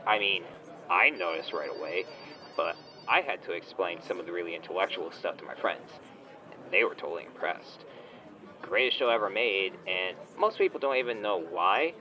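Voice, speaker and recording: For a comedy audio drama phone call, a man voices a complaining caller who is a smug, entitled online shop owner, using whiny, condescending, petulant casual slang. He speaks at normal speed in a low pitch, with a pushed, bright sound.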